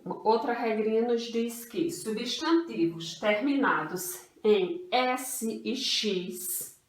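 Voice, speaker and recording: Brazilian female primary teacher, unhurried and repetitive delivery, recorded in a roomy space from a distance. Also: a little high, animated. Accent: Brazilian Portuguese. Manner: patient, refers to herself as "tia", repeats rules slowly. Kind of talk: online grammar lesson for children. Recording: echoey room, voice from a distance.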